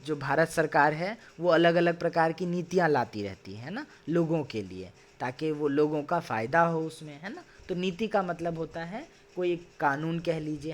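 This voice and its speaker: A man teaching a Sanskrit class online, patiently explaining and sounding out words slowly, syllable by syllable, with frequent tag questions. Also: fairly high pitch, slight background noise. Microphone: video call.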